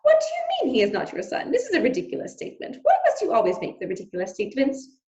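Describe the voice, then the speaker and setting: A woman voicing a dramatic, dismissive mother mouse who talks in a haughty, theatrical, high-pitched way. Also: wildly swooping pitch, fast, a little mellow, heavily acted. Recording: lo-fi dull recording.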